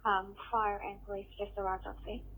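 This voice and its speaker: A woman's voice: medium pitch, flat delivery, moderate pace, a bit bright, slight background noise, poor audio. Woman dispatcher over walkie-talkie. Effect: heard over a two-way walkie-talkie radio. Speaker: emergency dispatcher. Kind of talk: radio dispatch call.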